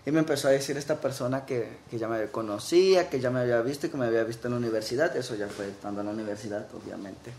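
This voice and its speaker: A man's voice: medium pitch, rapid-fire, hardly any pauses, darkish tone, a little hiss or hum. A man with a Mexican Spanish accent, telling a story in a casual chat with wry, dry humor. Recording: echoey room.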